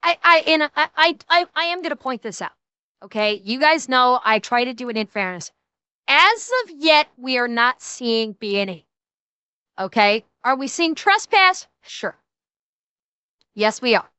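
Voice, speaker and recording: A woman's voice: high-pitched, lively intonation, measured pace, bright, forceful tone, smooth, no room sound. A woman streamer reacting to video clips in blunt, sweary, casual commentary.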